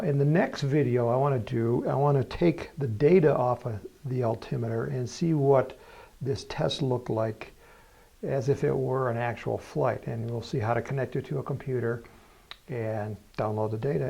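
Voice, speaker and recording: Man, medium pitch, fry in the voice, casual demo narration, plain-spoken tutorial presenter. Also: mellow. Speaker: presenter of hobby rocketry tutorial. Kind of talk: casual hands-on demonstration narration.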